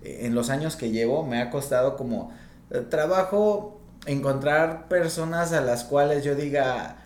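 A podcast host welcoming and introducing a guest in relaxed, slangy Spanish. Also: mid-range voice, unhurried, echoey room. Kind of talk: casual interview chat.

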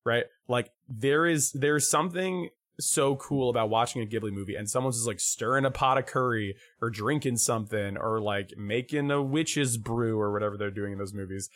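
A man co-hosting a casual podcast chat, animated, with lots of fillers, often acting out quotes in a high put-on voice. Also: moderate pace, hardly any pauses. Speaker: podcast co-host.

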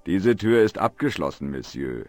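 A man's voice: deep voice, sing-song, normal speed, no room sound, faint music behind. An actor playing a smug, pompous male museum guard in a video game, curt and condescending.

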